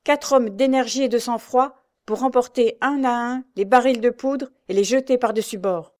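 A stern, brave male sea captain barks his orders in a raised, declaiming voice, as a woman reads him aloud. He sounds firm and in command, every line pitched high and loud. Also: normal speed, close to an everyday voice. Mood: resolute.

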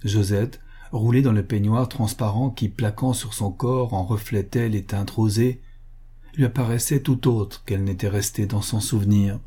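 A man narrating a novel as an audiobook in a measured, even reading. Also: lowish voice, breathy edge.

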